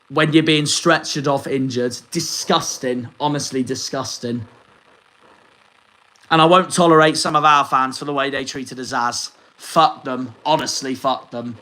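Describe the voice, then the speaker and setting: This low-quality recording catches a young Plymouth-area fan vlogger in an angry, expletive-filled post-match rant. His voice sits at medium pitch and sounds a bit bright.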